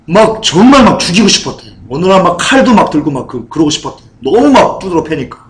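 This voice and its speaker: A man's voice: high voice, sing-song, fast talker, reverberant, rough recording. A man preaching a sermon as pastor, with emphatic, repeated appeals to the congregation.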